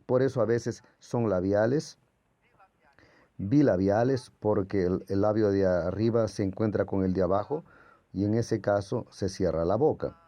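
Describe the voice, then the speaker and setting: Slow, low-voiced man teaching a lesson. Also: dark tone, no room sound. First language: Portuguese. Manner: patient, explanatory, demonstrates sounds aloud. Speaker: Greek language teacher. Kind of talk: classroom lecture.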